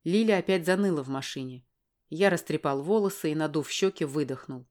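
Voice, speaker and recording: A woman narrates a first-person audiobook in a fairly low voice. Her telling is brisk and wry, steady storytelling.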